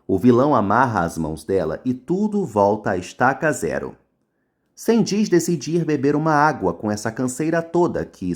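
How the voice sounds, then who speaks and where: A man's voice: medium pitch, darkish tone. A man with a Brazilian Portuguese accent recapping a soap opera episode in casual narration, dropping mocking, slangy asides.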